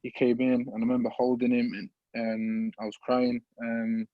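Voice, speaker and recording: A young man from the Midlands, a podcast guest telling an emotional personal story, halting and repeating words as he holds back tears. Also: medium pitch, level tone, dry recording, phone-quality sound. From English Midlands.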